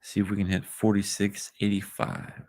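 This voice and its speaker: A man talking casually on a livestream about his crowdfunding campaign, rambling and halting with lots of ums and restarts, through poor-quality stream audio. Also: on the low side, monotone, darkish tone, no echo. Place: a makeshift spot away from his usual setup.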